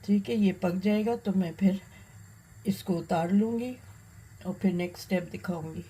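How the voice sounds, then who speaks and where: A woman hosting a cooking demonstration, talking unhurriedly while she cooks, with many pauses and fillers. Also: fairly low pitch, warm tone, slight background noise, rough recording. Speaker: cooking channel host.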